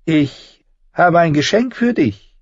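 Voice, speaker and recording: A man voicing a sardonic, sharp-tongued small nobleman who needles the people around him. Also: a little high, lively intonation, slow pace, dry recording, voice pushed up. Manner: mocking, cool and needling. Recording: slightly dull audio.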